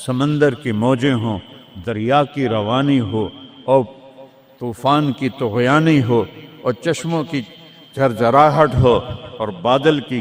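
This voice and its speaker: A man's voice: mid-range voice, in a large hall. A man preaching a sermon in a mosque, with rhythmic, repetitive oratory and recited Arabic verses.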